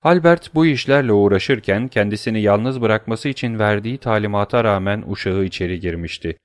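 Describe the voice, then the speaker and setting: A man narrating an audiobook in a measured, even storytelling voice. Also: lowish voice, no room sound. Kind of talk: scripted narration.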